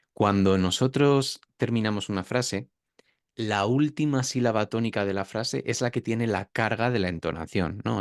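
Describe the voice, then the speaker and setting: Guy teaching pronunciation, lowish voice, smooth and clear, dry close sound. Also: dry recording. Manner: demonstrates sounds by drawing out words. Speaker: pronunciation teacher, interview guest. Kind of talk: explanatory interview talk.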